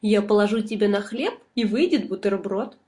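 A woman voicing a big, scary but gullible forest monster with a gruff, blunt manner in a storybook. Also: mid-range voice, moderate pace, darkish tone, close to an everyday voice.

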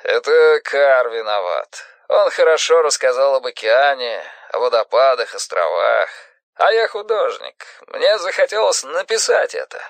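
A man voicing a calm young male spaceship pilot who is an artist, speaking slowly and gently with slight amusement. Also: mid-range voice, gravelly, no room sound. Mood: gently amused.

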